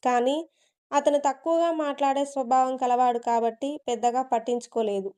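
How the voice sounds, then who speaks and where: A woman narrating a dramatic story in an expressive, steady way. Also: sits high, normal speed, smooth.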